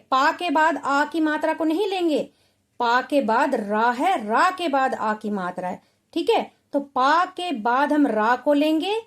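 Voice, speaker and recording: A woman teaching spelling to children, sounding out letters one by one and checking in often. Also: sits high. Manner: sounds out letters slowly, often asks "ठीक है". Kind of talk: slow, patient spelling lesson.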